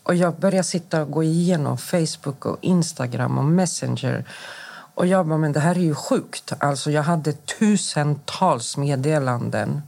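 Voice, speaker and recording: A woman's voice: sits low, creaky, a little mellow. A woman in her forties from Sweden, a podcast guest giving a personal account in conversation. She recounts events in detail, acts out the dialogue she quotes, and often breaks off and restarts her sentences.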